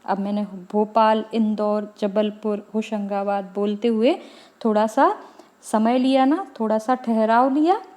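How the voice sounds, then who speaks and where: A woman's voice: mid-range voice, darkish tone. A woman teacher giving a grammar lesson, explaining patiently and often checking in with her students. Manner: explanatory, checks in with listeners, pauses deliberately between items.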